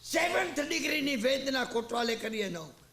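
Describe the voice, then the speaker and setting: A man's voice: very high voice, animated, moderate pace, bright, forceful tone, echoey room. A man preaching a sermon, telling a story and acting out its characters. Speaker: Jain preacher.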